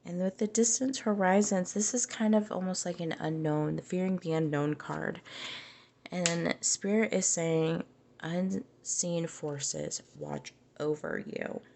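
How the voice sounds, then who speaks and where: Low gravelly-voiced woman reading tarot. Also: steady tone, slow pace, darkish tone, a little hiss or hum. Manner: musing, conversational, trails off and restarts. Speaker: tarot reader.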